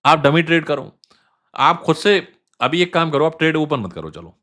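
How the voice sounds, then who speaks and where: A man hosting a crypto trading channel, talking casually through chart analysis, repeating phrases for emphasis and filling pauses with fillers. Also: fairly high pitch, very animated, sharp tone.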